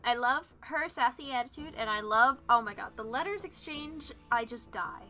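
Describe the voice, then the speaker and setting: Giggly woman chatting about books, bright voice, a bit high, faint music behind. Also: expressive, normal speed. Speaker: podcast co-host. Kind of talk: casual book chat.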